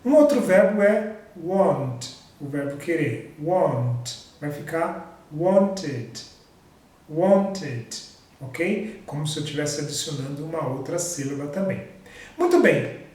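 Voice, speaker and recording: A man teaching a pronunciation lesson, speaking slowly and repeating each example word with patience. His voice sits a little high for a man and sounds distant, in a very echoey room. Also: lively intonation, darkish tone. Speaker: English teacher.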